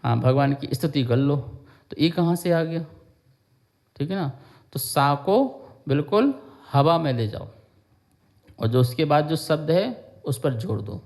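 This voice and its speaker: Slow, patient male scripture teacher. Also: a little high, lively intonation, vocal fry, a little mellow. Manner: slow, explanatory, drills pronunciation, chants verse lines. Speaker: Jain monk teaching scripture. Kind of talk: devotional lesson explaining a hymn.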